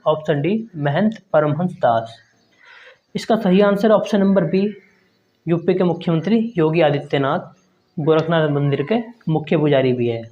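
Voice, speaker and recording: This exam prep teacher has a fairly high, slightly mellow voice, and the lo-fi recording sounds dull. He reads out quiz questions with their answer choices, frequently addressing viewers as his friends.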